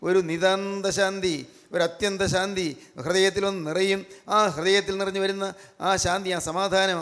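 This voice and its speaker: A man's voice: sits high, a bit bright, in a large hall. A man with a Malayali accent preaching a sermon, repeating his points with emphasis and breaking into praise. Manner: repetitive, emphatic preaching with frequent praise phrases.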